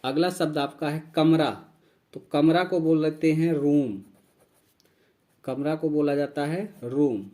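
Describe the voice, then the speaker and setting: Guy teaching english words, kinda high voice, repeats and spells everything. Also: steady tone, warm tone. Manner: slow, repeats each word and spells it out. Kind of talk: vocabulary lesson.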